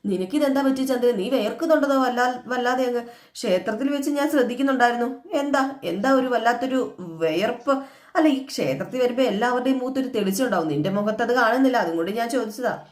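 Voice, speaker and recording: A woman's voice: fairly high pitch, fast, natural voice. A woman voicing a suspicious middle-aged husband who keeps probing his wife. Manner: probing, teasing. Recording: echoey room.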